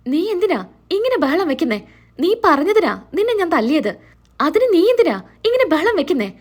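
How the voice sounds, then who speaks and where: A stern, scolding middle-aged husband from a retold TV serial drama, read out by a woman narrator. The delivery is indignant and sharp-edged. The voice sits high and moves a lot. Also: sing-song, moderate pace.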